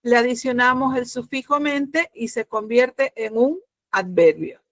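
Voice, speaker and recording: A middle-aged woman teaching a grammar lesson, explaining patiently, often pausing with fillers and checking that students follow. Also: fairly high pitch, dry recording.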